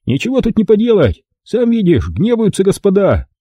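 A man's voice: high-pitched, wildly swooping pitch, moderate pace, dark tone, breathy edge, dry recording, voice pushed up, full character voice. A man voicing a cheerful, coarse male henchman who talks in a folksy, jeering drawl in an audiobook.

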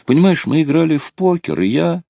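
A man's voice: a little high, lively intonation, brisk, vocal fry, warm tone, no echo, voice pushed up. A man reading an audiobook, voicing an eager, awkward young sailor who is pushy and flustered.

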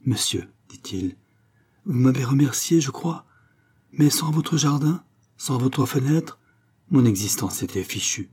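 A man reading a storybook, voicing a frail, odd little older man who talks dreamily and then bursts into feverish excitement. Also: medium pitch, a little slow, breathy edge, voice pushed up. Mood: earnest, fervent. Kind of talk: audiobook character voice.

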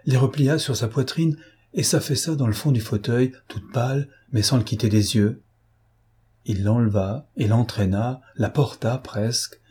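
A man reads a classic novel aloud in a measured, steady storytelling manner. His voice sits low and dark, with a mellow, slightly husky grain. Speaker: audiobook narrator. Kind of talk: scripted literary narration.

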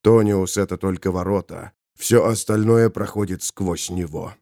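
A man voicing a sinister male heretic, speaking low and hushed with calm gloating menace. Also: moderate pace, no room sound, clean studio sound. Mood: ominous. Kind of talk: audiobook character voice.

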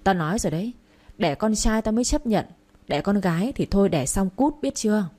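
A woman's voice: mid-range voice, animated, a little fast, mellow, lightly acted. A woman reading the part of a stern, harsh-tempered old rural father who scolds his son. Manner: scolding, curt.

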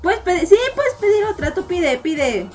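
A woman's voice: very high-pitched, very animated, moderate pace, darkish tone, soft background music. A woman with a Mexican accent hosting a casual live online chat show, talking with her viewers in a chatty, giggly way and repeating words as she goes. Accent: Mexican Spanish.

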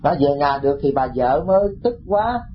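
A man's voice: a little high, expressive, moderate pace, lo-fi sound, slight background noise. A male Buddhist monk giving a dharma talk, telling stories and addressing the listeners directly. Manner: storytelling, addresses the audience directly.

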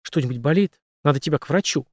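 A man voicing a big, kind-hearted young man who talks urgently in a rough, colloquial way. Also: fairly high pitch, fast talker, no echo, clean studio sound, close to an everyday voice.

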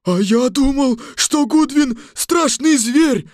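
A woman voicing a stern, steady tin man, speaking slowly and firmly. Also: sits high, no echo, clean studio sound, voice pushed up. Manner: slow, firm, emphatic.

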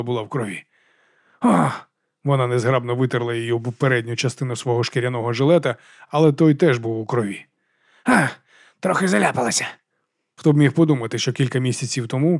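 Male audiobook narrator, measured delivery, middle pitch, dry close sound. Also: a little mellow, no room sound. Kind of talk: scripted narration.

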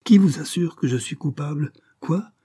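Desperate young accused guy, pleading hard, husky mellow voice, read by a man. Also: lowish voice, fairly even intonation, moderate pace. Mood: impassioned. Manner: impassioned, pleading and rising to outbursts.

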